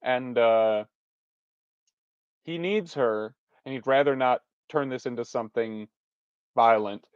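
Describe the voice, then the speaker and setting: A man's voice: mid-range voice, takes it slowly, long pauses, smooth, no room sound. A man narrating a solo tabletop game as its game master, thinking aloud and poking fun at himself. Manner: musing aloud, self-deprecating. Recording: dull, dry recording.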